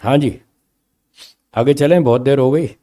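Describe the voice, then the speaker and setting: A man teaching a philosophy class, explaining meaning through slow spoken examples and often checking that his listeners follow. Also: mid-range voice, dark tone. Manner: stresses single words to show meaning.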